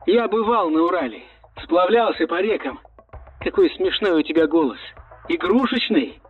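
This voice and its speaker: A man's voice: sits high, lively intonation, moderate pace, husky, faint music behind. A man voicing a badly injured male starship navigator who rambles in a dazed way over a muffled radio line.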